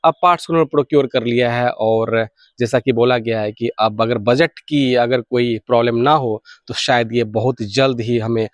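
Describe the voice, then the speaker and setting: In a relaxed news update for his viewers, a video host with an Indian accent covers radio hobby happenings, explaining and then saying things again another way. He talks at normal speed at a medium pitch, and the sound is dry without room echo.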